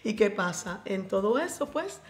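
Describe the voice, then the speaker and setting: A Puerto Rican woman giving a lively faith testimony as a radio guest, acting out the voices in her story and slipping into English. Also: mid-range voice, normal speed, roomy sound. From Puerto Rico. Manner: animated storyteller, acts out quoted voices, mixes in English.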